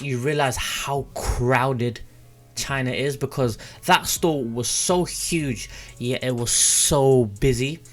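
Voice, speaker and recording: British male vlogger, twenties, casual storytelling, informal and chatty, close mic, medium pitch. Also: a bit bright. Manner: informal, chatty, mildly sweary. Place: small room at home, indoors. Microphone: close desk mic with foam cover on a boom arm.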